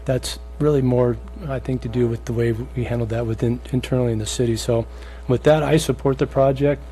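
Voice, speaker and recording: A man speaking as a commissioner at a public meeting, plain-spoken and informal as he deliberates. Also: medium pitch, fairly even intonation, dark tone, a little hiss or hum, low-quality recording. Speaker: planning commissioner.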